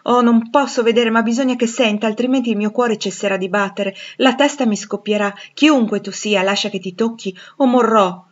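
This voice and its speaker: A woman reading the part of a blind, passionate man who cries out loudly and urgently. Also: medium pitch, fairly even intonation, normal speed, few pauses, slightly rough, muffled recording. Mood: anguished. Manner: loud, imperious, then breathless with joy. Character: blind anguished middle-aged man, passionate.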